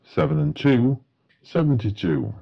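A man's voice: mid-range voice, unhurried, gravelly, husky, dull audio. A man working as a bingo caller, announcing numbers in set phrases with a matter-of-fact delivery.

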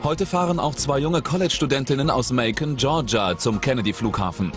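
A man narrating a documentary in a measured, suspenseful tone, his mid-pitched voice recorded cleanly in a studio. Dramatic music plays clearly beneath his scripted voice-over.

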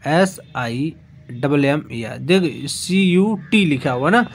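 A male teacher giving an exam-prep grammar lesson, explaining slowly and repeating himself, spelling out letter by letter. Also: fairly high pitch, animated, a little hiss or hum. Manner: slow, repetitive explaining, spelling words out letter by letter.

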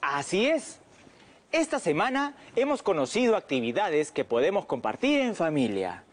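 A man's voice: sits high, very animated, moderate pace. A man with a Peruvian Spanish accent co-hosting a children's program in a friendly, encouraging scripted way.

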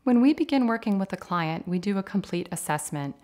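A woman in her forties, an occupational therapist, explaining things in a clear, measured, instructive way in a home kitchen. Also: medium pitch, expressive, loud music behind the voice. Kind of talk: explanatory interview talk.

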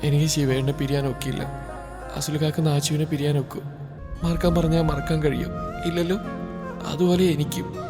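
A man voicing a timid young woman who speaks softly and stammers through tears. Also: medium pitch, steady tone, brisk, natural voice. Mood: tearful. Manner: soft, hesitant, stammering. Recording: reverberant room with background music.

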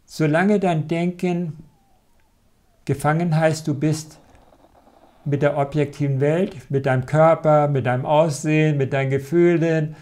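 Male meditation teacher, calm and reassuring, a touch high-pitched, warm and soft, answering viewer questions live. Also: measured pace. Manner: calm, gently reassuring, often adds a questioning "nicht?".

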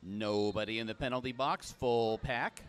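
A man calls the action as a play-by-play commentator, voice sitting at an ordinary middle pitch. His calls are brisk and matter-of-fact, then spring upward in pitch and volume when a big play happens. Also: steady tone, clean tone. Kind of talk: live sports commentary.

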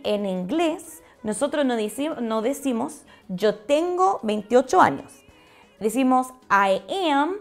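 Slow, gravelly teacher speaking Spanish. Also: female voice, high voice. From United States. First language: English. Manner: explains slowly and clearly, repeats phrases in English then Spanish. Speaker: English teacher. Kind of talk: online language lesson.

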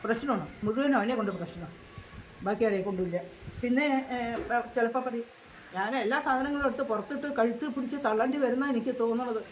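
An older woman, a care home resident, telling her story in an emotional interview, halting and grieving as she repeats herself. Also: on the high side, a little hiss or hum.

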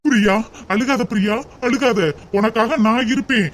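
A devoted young rich boyfriend, voiced by a man in a cartoon, who talks earnestly and reassuringly in a southern Tamil accent. His voice sits very high for a man, with faint noise behind it. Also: normal speed, fairly bright tone.

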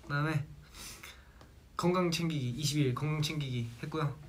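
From a small room with a plain wall, a young man from South Jeolla who belongs to an idol group livestreams to fans, quickly and chattily telling stories and reading off a list. He has a fairly high pitch, and there's a little hiss or hum.

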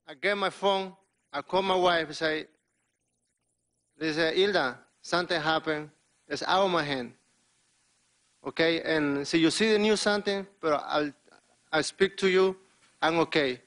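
A man in his forties from El Salvador speaks halting, emotional English with a Salvadoran Spanish accent at a press conference. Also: on the high side, a bit bright. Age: 40s. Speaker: interviewee. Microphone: microphones on a table.

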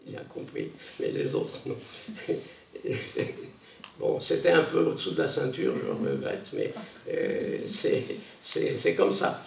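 A man gives a conference talk, pausing often on fillers and circling back to restart his sentences. His voice is strongly gravelly and a little high, with lively intonation. He is heard from some distance across an echoey hall. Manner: hesitant, many fillers and restarts. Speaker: conference speaker. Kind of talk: public lecture. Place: lecture hall. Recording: echoey room, voice from afar.

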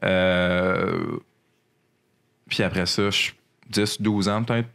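Gravelly low-voiced Québécois man in his twenties. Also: fairly even intonation, slow pace, fairly bright tone. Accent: Québécois French. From Montreal, Quebec. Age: 20s. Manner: rambling, many fillers and restarts. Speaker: podcast guest, alpine skier. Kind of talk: casual storytelling. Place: apartment room at a table. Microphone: desk microphone.

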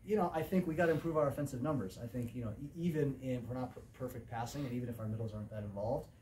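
At an indoor post-game press conference, a middle-aged volleyball coach races through his answers in a mid-range, darkish-toned voice. He's captured by a distant camera microphone with clear room noise.

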